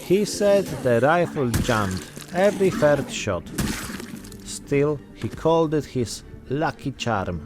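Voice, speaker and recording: A man voicing a weary immigrant zombie-apocalypse survivor, telling his story in short, deadpan, reflective phrases. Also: on the high side, slow pace, over music. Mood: somber, reflective. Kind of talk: narrated in-character role-play monologue.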